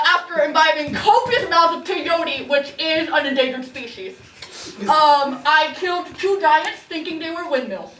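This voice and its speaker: A woman playing a boastful male captain who lists absurd deeds in a deadpan way, in a student comedy improv. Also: sits high. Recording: roomy, distant and noisy.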